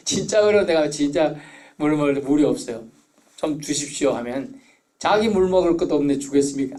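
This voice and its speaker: A man's voice: mid-range voice, darkish tone. A middle-aged man preaching a sermon as pastor, telling stories in a conversational way. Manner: storytelling, conversational preaching with anecdotes.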